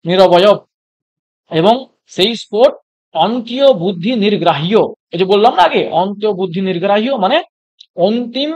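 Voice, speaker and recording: A teacher giving an exam-prep lecture. The teacher asks a question and then answers it, and recites Sanskrit lines slowly. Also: mid-range voice, darkish tone.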